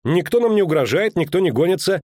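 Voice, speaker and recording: A man voicing a cheeky, talkative young bard in a high, wailing voice in an audiobook. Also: lively intonation, darkish tone, dry recording, clean studio sound. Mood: indignant. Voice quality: high and wailing, fast complaining.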